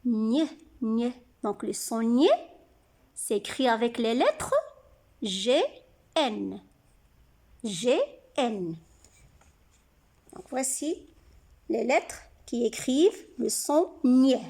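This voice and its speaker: A woman teaching young children to read, sounding out syllables slowly and clearly. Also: a little high, lively intonation, warm tone. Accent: French-speaking North African. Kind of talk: slow, deliberate reading lesson for children.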